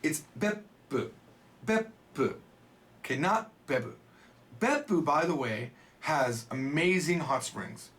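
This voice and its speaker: A man teaching Japanese in a relaxed, casual way, full of joking asides. His voice sits a little high and swings widely up and down. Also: takes it slowly. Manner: playful, jokey asides. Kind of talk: casual spoken lesson.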